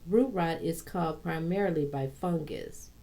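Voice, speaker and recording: Woman, plant channel host, low-ish voice, very slow halting read-aloud with asides, faint background noise. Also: vocal fry, mellow, low-quality recording. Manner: slow, halting reading with self-corrections.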